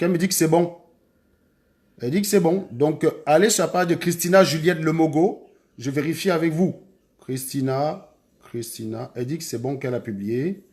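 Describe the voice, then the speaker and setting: A man's voice: a little high, darkish tone. A man hosting a live stream, chatting casually and repeatedly urging his viewers to hurry. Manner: urgent, repetitive urging of viewers.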